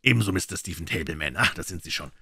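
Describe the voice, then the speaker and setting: Deep guy doing a smooth mocking detective, dry recording. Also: lively intonation, fast, sharp tone, no echo, heavily acted. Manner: smooth, amiable, ironic. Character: suave, mocking male detective.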